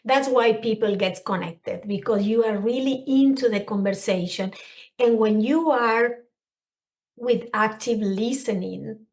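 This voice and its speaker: Speaking a little slowly in a fairly high voice, this middle-aged counselor is interviewed conversationally as a podcast guest. She's from a Spanish-speaking country, has a Spanish accent and speaks English as a second language, and she sounds earnest and expressive as she searches for words.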